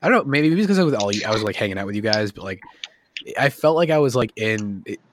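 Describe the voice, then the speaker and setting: Fairly low-voiced man, slangy and profane. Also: animated, fast talker, background noise. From Massachusetts. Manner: loose, profane, slangy talk. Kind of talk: casual chat.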